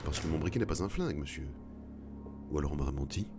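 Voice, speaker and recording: Very deep-voiced man gaming commentary. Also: animated, fast talker, creaky, loud music behind the voice. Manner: joking, swearing asides. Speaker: let's play gamer. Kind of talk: casual gameplay commentary.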